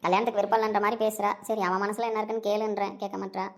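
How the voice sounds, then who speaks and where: A woman's voice: medium pitch, little pitch movement, racing, close to an everyday voice. A woman voicing a doting but scolding old grandmother in an amateur audio drama, talking in a nagging, complaining way. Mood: fretting.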